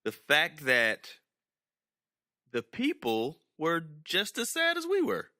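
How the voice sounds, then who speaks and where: Co-host: American man, very bright forceful voice, dry sound, slow-paced casual banter. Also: fairly high pitch, wildly swooping pitch, dry recording. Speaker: podcast co-host.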